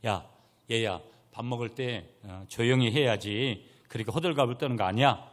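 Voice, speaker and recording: A man's voice: mid-range voice, normal speed, close to an everyday voice. A man voicing a stern old grandmother who scolds a child at the dinner table during a sermon story. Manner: scolding, admonishing.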